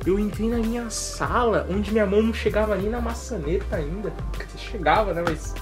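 A man in casual chat, lively and exclamatory as he starts his story. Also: high-pitched, brisk, over music.

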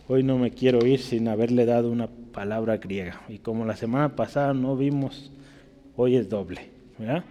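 A man teaching a casual Bible class as a pastor, chatty and checking in with his listeners, stretching out key words slowly to stress them. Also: medium pitch, mellow, muffled recording. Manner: chatty, keeps checking in with the room. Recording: long reverb in a hall.

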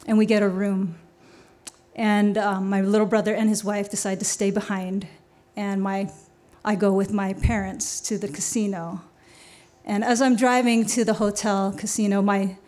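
A woman's voice: medium pitch, darkish tone. Chatty woman telling a personal story. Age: adult. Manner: chatty, with fillers and wry laughs. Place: stage at a story show.

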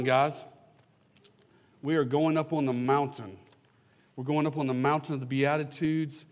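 A pastor with a mid-range voice prays into a pulpit microphone in a church sanctuary, then builds toward fervent, emphatic declarations in his sermon. The room leaves a long reverb tail behind his words.

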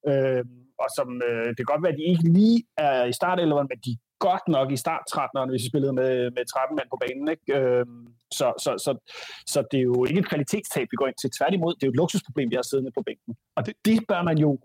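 A man's voice: medium pitch, a little mellow, no room sound. A Danish man talking football on a podcast, hesitant and frank, often repeating words as he thinks. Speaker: podcast panelist. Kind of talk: casual football chat.

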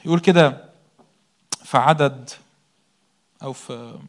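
A young man with an Egyptian Arabic accent preaches a sermon slowly, in a medium-pitched voice. He asks rhetorical questions and answers them himself. He repeats key words for emphasis.

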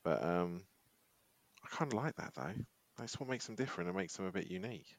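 A man's voice: low-pitched, expressive, brisk. A man co-hosting a podcast, chatting casually and rambling with hesitations. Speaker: podcast co-host. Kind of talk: casual chat.

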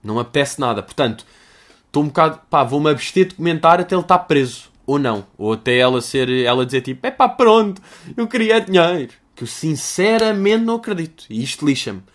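A man's voice: mid-range voice, quick pace, fairly bright tone. A young man with a European Portuguese accent, answering listener questions in a rambling, crude, jokey comedic monologue.

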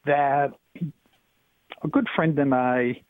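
A man calling in to a radio talk show over the phone, speaking haltingly and searching for his words. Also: mid-range voice, steady tone, no echo. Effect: heard over the phone. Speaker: caller. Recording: tinny phone line.

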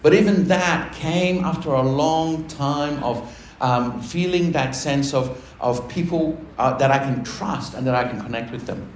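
In a roomy church hall, a pastor gives a personal testimony sermon at a measured pace with few pauses, his voice a little high. A little hiss or hum is audible on the recording, and he stays conversational, teasing himself and laughing with the congregation.

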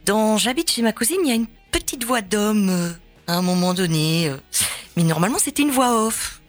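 A woman's voice: medium pitch, lively intonation, moderate pace, soft background music. A woman theatre director guesting on a radio show, explaining her work and sometimes searching for words. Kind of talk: radio interview chat. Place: radio studio.

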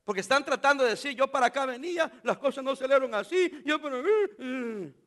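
High-voiced, bright preaching man. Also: brisk. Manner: preaching with rhetorical questions to the congregation; animated, acts out quoted voices. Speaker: pastor. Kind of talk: sermon.

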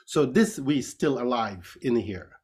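Speaking animatedly in a medium-pitched, darkish voice, a Nepali man from the Kathmandu Valley appears as a podcast guest. A Buddhist priest and dance master, he gives conversational explanations in halting, repetitive English with a Nepali accent.

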